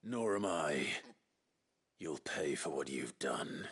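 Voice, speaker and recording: A man playing a brooding, defiant young warrior in a video game, stern and deliberate in manner. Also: a bass voice, animated, fairly bright tone, slightly rough, full character voice. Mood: cold threat.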